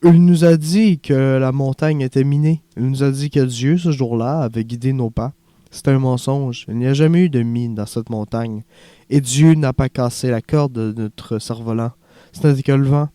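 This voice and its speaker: A man voicing a young male refugee who dreams of acting, earnest and haunted, in a soft confiding way, for an audiobook. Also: medium pitch, normal speed, clean tone, no room sound, close to an everyday voice.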